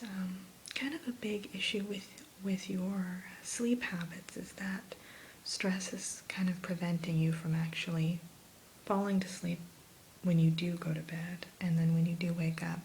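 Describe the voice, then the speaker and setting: A woman in a whispered role-play as an attentive spa consultant, gently talking a client through questions and advice like a spa receptionist. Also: on the low side, poor audio. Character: soothing, attentive female spa sleep consultant. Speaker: ASMR performer playing a spa sleep consultant. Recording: close whisper with background hiss.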